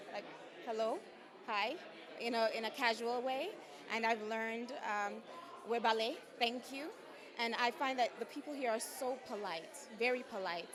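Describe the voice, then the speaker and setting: Pageant contestant, woman, slightly high voice, loud and earnest, crowd chatter behind. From Jamaica and the United States. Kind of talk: media interview answers.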